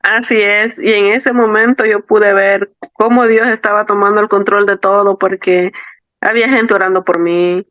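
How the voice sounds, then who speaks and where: A woman's voice: medium pitch, steady tone, normal speed, fairly bright tone, clean tone, no room sound. A woman from El Salvador, a guest on a podcast, telling a personal faith testimony in an earnest, reflective way that circles back on her words. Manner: earnest, reflective storytelling with repetition. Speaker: interview guest. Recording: slightly dull, dry recording.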